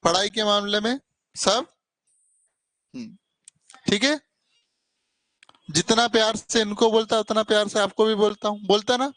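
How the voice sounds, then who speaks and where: A man's voice: sits high, a little slow, pauses often, a bit bright, dry recording. Coaxing male maths tutor, dry sound. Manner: coaxing, mildly scolding, calls students "beta". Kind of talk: live classroom teaching.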